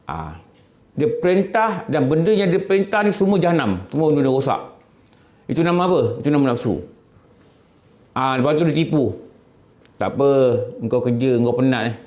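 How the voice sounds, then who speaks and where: A Malaysian man teaching as a religious teacher in an earnest sermon, dropping his voice low when he mimics temptation. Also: darkish tone. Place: prayer room of a government office. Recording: echoey room.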